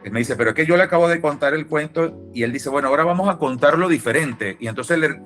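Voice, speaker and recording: A man with a Venezuelan accent, an interview guest and musician, telling a lively story and acting out the people in it. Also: a little high, quick pace, faint music behind. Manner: animated anecdote teller who acts out quoted dialogue. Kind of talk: casual storytelling.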